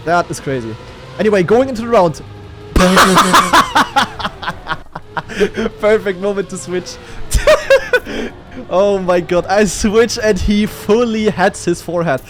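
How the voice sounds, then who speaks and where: A man calling a live racing game esports match, excitable and jokey. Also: high voice, normal speed, background noise. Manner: excitable, jokey, rises to shouts on big moments. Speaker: esports commentator.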